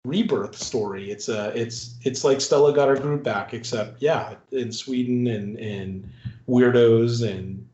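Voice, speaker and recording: A man's voice: medium pitch, a little slow, dark tone. A man hosting a podcast in casual movie talk, rambling and restarting, often laughing. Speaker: podcast host. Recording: roomy, dull recording.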